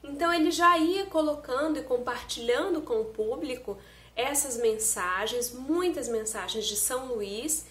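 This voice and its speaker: A young woman giving an online spiritist lecture, explaining earnestly and addressing viewers directly, filmed close on a phone indoors. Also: fairly high pitch. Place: indoor room at home. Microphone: phone camera close up. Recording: roomy echo.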